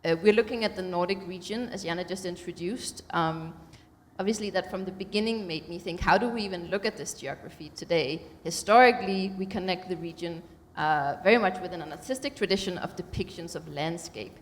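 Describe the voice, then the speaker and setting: A woman's voice: lowish voice, fairly quick. A woman curator introducing an art exhibition at a panel, speaking thoughtfully with many ums and uhs. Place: museum auditorium. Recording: long hall reverb in auditorium.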